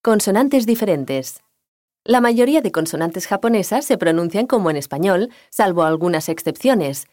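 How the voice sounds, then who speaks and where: A woman giving a scripted language lesson, explaining pronunciation clearly and calmly. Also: medium pitch, moderate pace, no room sound, clean studio sound. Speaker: language teacher.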